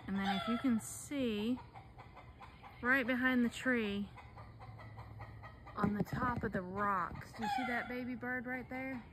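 Woman softly narrating wildlife on her phone. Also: a little high, steady tone, measured pace, long pauses, background noise. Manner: softly commenting while filming wildlife. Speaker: homestead vlogger. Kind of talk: casual filming narration. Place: outdoors in a yard by a house. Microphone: phone camera held by the speaker.

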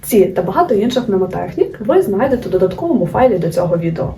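A woman teaching a video lesson in a mellow, warm voice, reciting little rhymes with lively emphasis. She sounds a bit away from the mic. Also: medium pitch, fast talker, recorded from a distance, low-quality recording.

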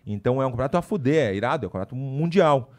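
A man, a podcast guest, telling a story casually in an animated, slangy way with lots of asides. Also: medium pitch, racing.

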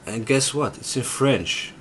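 A tech reviewer with a Dutch accent gives casual unboxing commentary at a desk indoors, thinking aloud hesitantly. His voice is medium-pitched and unhurried, with background noise behind it.

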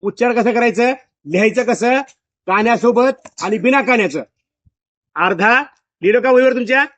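A man's voice: very high-pitched, normal speed, fairly bright tone, no echo. A male school teacher teaching a classroom of pupils, repeating his questions over and over as he drills them. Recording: dull lo-fi, dry sound.

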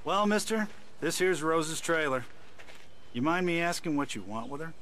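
Lively, folksy small-town local. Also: male voice, a little high, moderate pace, slight background noise. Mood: folksy, wary. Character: folksy small-town male local, wary and plain-spoken. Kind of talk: video game dialogue.

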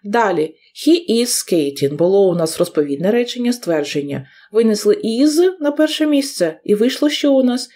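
A hoarse woman teaching an English grammar lesson on video, reading the English example sentences slowly and carefully. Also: on the high side, very animated, dark tone. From Ukraine.

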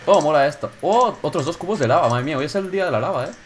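Excitable gamer narrating his game. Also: fairly high pitch, racing, slight background noise. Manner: excitable, swears, shouts when startled. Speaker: gaming YouTuber. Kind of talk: casual gameplay commentary.

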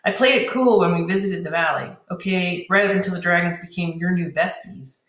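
A woman's voice: lowish voice, fairly quick, fairly bright tone, natural voice. A woman voicing an earnest, wistful young man who trains dragons, speaking in a heartfelt way, in a storybook reading. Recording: roomy echo.

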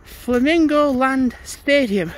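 A man with a fairly high voice and an unhurried pace, chatting as he walks outdoors. He thinks aloud and reads signs out as he goes. Loud wind buffets the mic throughout. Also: poor audio. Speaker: vlogger. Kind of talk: casual walking vlog narration. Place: outdoors on snowy paths by a stadium.

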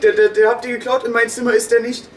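A man's voice: extremely high pitch, level tone, quick pace, a little hiss or hum, voice pushed up. A man acting out a flustered, insistent female schoolteacher in clipped, broken phrases, talking on a distant room mic. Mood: accusing.

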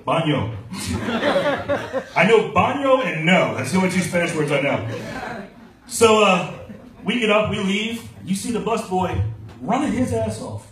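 A man's voice: sits high, lively intonation, unhurried, pauses often, a crowd in the background. A man in his thirties from Maryland doing a brash, profane stand-up set on a small club stage, acting out the people in his stories. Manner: brash, profane storytelling, acts out quoted voices. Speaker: stand-up comedian. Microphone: handheld mic, filmed from the audience. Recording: roomy club sound from far off, loud audience laughter. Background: audience laughter.

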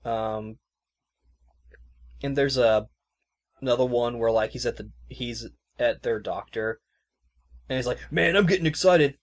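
A man's voice: mid-range voice, level tone, slow, long pauses, darkish tone. A man hosting a podcast, chatting casually in a loose, rambling way full of fillers, and laughing easily. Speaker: podcast host reviewing a video game. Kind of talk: casual chat.

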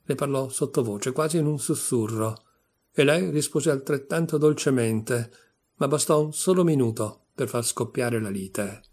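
Measured male audiobook narrator. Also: mid-range voice, breathy edge. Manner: measured, steady storytelling. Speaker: audiobook reader. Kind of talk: literary narration.

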